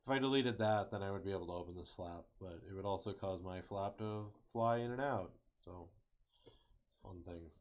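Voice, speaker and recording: A man's voice: deep voice, brisk. A young man casually talking through a CAD design on screen, thinking aloud, correcting himself and cracking small jokes. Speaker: engineering student. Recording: slightly muffled lo-fi mic.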